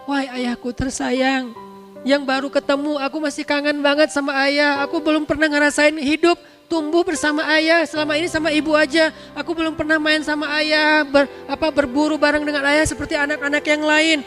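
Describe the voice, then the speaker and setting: A man voicing a tender young son who longs for his father, speaking softly and pleadingly. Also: very high-pitched, little pitch movement, fairly quick, faint music behind, pitched above the performer's own voice. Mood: longing.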